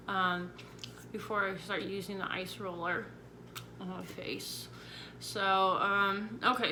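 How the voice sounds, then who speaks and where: A woman one week into jaw surgery recovery talks casually to viewers, explaining things in a chatty, informal way. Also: mid-range voice. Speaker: vlogger sharing surgery recovery tips. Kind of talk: casual vlog talk to viewers. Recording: clear background noise.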